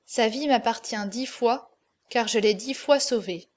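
A woman's voice: a little high, measured pace, a little mellow. A woman reading an audiobook, voicing a proud adult male swordsman who speaks firmly and solemnly. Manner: firm, solemn, cold.

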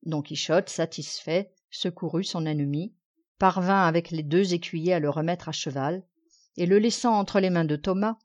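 Woman reading an audiobook, measured and expressive, kinda muffled lo-fi sound. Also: fairly low pitch. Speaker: narrator. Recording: dull lo-fi recording.

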